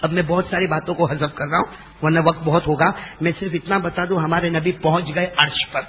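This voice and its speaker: A man preaching a devotional sermon who chants verses in a slow, drawn-out melody and urges the audience to answer him aloud. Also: fairly high pitch, steady tone, phone-quality sound, slight background noise. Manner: calls on the audience to respond aloud.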